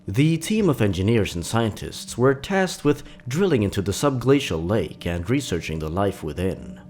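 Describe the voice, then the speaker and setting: A man hosts and narrates horror stories, his delivery scripted, deliberate and dramatic. His voice is on the low side with a darkish tone, and he's very animated.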